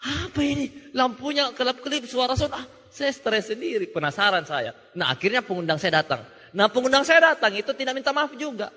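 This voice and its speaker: A young man telling a joking, animated story at a motivational seminar, acting out the voices of people he quotes. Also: high voice, fairly quick, hardly any pauses. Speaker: motivational speaker. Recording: reverberant hall.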